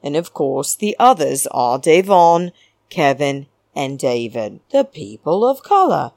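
Low-voiced, theatrical woman podcaster, slow and emphatic. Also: very animated, a little mellow, dry recording, studio quality. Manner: theatrical, drawn-out emphasis, addressing listeners as darlings; opinionated, blunt. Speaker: podcast host. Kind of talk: chatty reality-show recap monologue.

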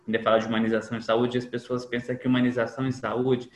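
A podcast guest with a mid-range, monotone voice talks very fast in casual conversation, reflecting and acting out quoted dialogue. The room is echoey, with faint noise.

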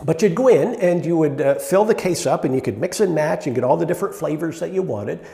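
A middle-aged man preaches in a conversational style, tossing questions to his listeners and pausing on fillers. His voice sits a little high yet sounds mellow and warm. The room carries a long, echoing reverb. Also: lively intonation, gravelly. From Canada. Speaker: pastor. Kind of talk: sermon. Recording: echoey hall with long reverb.

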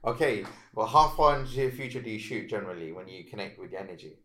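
A man co-hosting a casual spiritual podcast, animated and exclamatory as he acts out his reactions. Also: lowish voice, fast. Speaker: podcast co-host.

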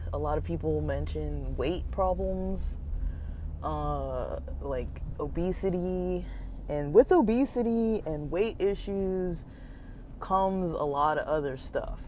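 Mellow-voiced podcaster rambling while driving. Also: medium pitch. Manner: informal, hesitant, meandering. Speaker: podcast host. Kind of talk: casual rambling monologue. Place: inside a car while driving. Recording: muffled road noise inside moving car. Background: vehicle noise.

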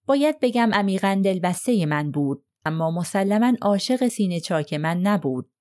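A woman's voice: medium pitch, lively intonation, warm tone, close to an everyday voice. A woman voicing a reserved young man in an audiobook, giving short, guarded answers under questioning. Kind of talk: audiobook character reading.

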